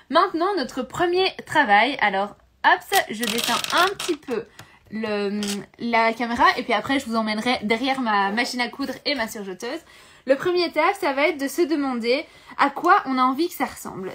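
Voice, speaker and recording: A high-voiced woman leads a live sewing tutorial from her home sewing room. She talks to her viewers in a chatty, hesitant way. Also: fairly bright tone. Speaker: sewing instructor hosting a live stream.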